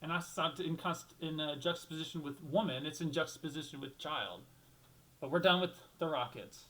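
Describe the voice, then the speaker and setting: A man's voice: on the high side, fairly quick, pushed and bright, poor audio. A young man hosting a solo basketball talk show, rambling and thinking aloud, restarting sentences and swearing casually.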